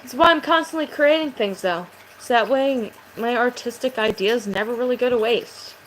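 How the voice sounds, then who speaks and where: A woman's voice: fairly high pitch, moderate pace, a little hiss or hum, poor audio. Rambling, profane woman vlogger. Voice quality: sounds aggressive. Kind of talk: casual chat to camera.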